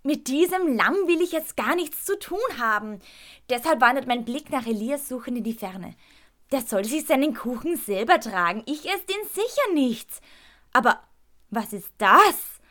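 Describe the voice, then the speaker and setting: A woman reading a first-person story aloud with lively, expressive storytelling. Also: high voice, normal speed. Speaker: narrator.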